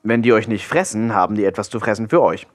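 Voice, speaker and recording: A man voicing a hot-tempered but kindly big grey male wolf in a storybook reading, with a low grumbling growl. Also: quick pace, natural voice. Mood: helpful.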